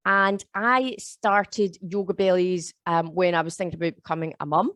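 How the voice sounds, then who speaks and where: Her voice lowish, fairly even in intonation and fairly bright, a Glaswegian woman in her thirties runs a live online yoga teacher training and keeps asking her students "okay?" and "all right?". She speaks at a moderate pace; it's a video call, yet the sound is clean and studio-like with no echo.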